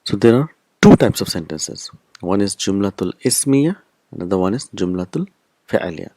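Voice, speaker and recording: A man teaches a recorded lesson in a fairly low voice. He explains each point step by step and comes back to the key terms again and again. The sound is close and dry, with no room echo. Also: animated, moderate pace, mellow. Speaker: Arabic teacher.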